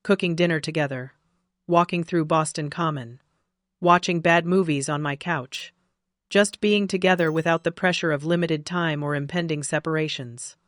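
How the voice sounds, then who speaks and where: A woman narrating a first-person family story in a calm, even, scripted way. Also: sits low, normal speed, dry recording, studio quality.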